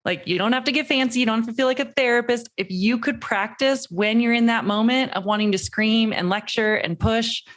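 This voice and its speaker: A woman parenting coach on a podcast, explaining her advice in a lively way and dropping into a slow, soothing voice to demonstrate it. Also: a little high. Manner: animated, acts out quoted voices.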